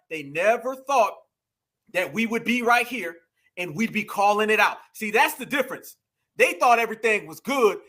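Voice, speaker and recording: A man's voice: very high-pitched, bright, forceful tone. A man delivering emphatic political commentary, preaching to his viewers and calling them family. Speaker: commentary vlogger.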